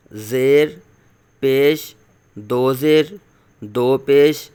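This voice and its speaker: Male teacher, clear resonant voice, mid pitch; patient and formal, repeats each rule for learners. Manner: addresses the listeners formally. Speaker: Quran reading teacher. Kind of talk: recorded lesson.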